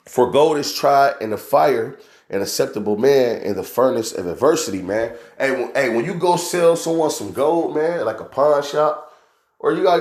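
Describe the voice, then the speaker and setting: A man giving an informal scripture lesson, talking loosely and peppering every phrase with "man" and "you know". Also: on the high side. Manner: casual, calls listeners "man" constantly, many fillers. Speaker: preacher. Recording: roomy echo.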